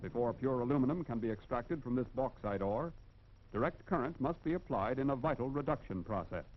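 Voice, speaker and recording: A man's voice: medium pitch, lively intonation, fairly quick, slight background noise. An American man reads scripted narration for a 1940s industrial film in a formal, instructive and emphatic manner. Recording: dull, band-limited vintage film soundtrack.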